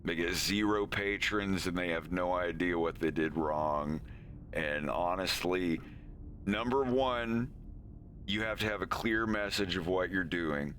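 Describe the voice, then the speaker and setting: A man's voice: sits low, a little slow, fairly bright tone, a little hiss or hum. An American man from Florida in casual, rambling stream chat. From Florida, United States. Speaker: animator and streamer.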